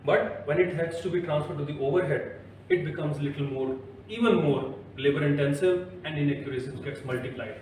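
Indian guy pitching tools at a jobsite, kinda high voice, big echo, mic far off. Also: brisk, darkish tone, a little hiss or hum. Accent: Indian English. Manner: persuasive, keeps recommending. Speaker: product presenter. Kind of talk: on-site product demo chat. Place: construction site, then service center. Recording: echoey site from a distance.

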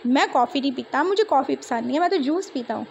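A woman voicing a fussy, whiny young man who complains and yells in panic. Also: sits high, expressive, fast talker, vocal fry, muffled recording, slight background noise. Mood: complaining.

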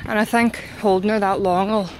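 A woman's voice: mid-range voice, steady tone, fairly quick, darkish tone, slight background noise. A young woman chatting casually to camera as a vlogger, talking to her baby and pets and swearing offhandedly. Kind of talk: casual vlog chat. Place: home and then out in town.

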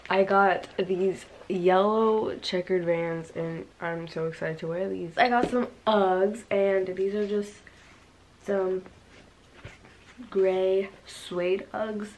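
A woman's voice: medium pitch, fairly even intonation, slow, darkish tone, slight background noise. A teenage girl in her bedroom, chatting in a casual haul vlog, bubbly and rambling with lots of fillers. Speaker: vlogger.

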